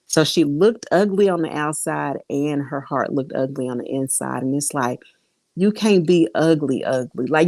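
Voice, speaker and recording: A woman talks casually to her viewers, reading their comments aloud. Her voice sits low, and she laughs often as she chats. The sound is close and dry, with no room echo. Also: a little mellow. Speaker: vlogger.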